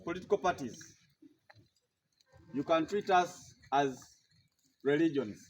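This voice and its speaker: A man, a political speaker explaining his argument in a measured way at a press conference. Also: on the high side, animated, noisy background.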